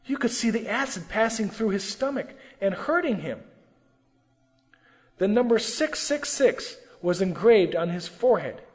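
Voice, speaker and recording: A man's voice: high voice, expressive, measured pace, in a large hall. A man telling a sermon testimony with earnest, emotional storytelling. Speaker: testimony preacher.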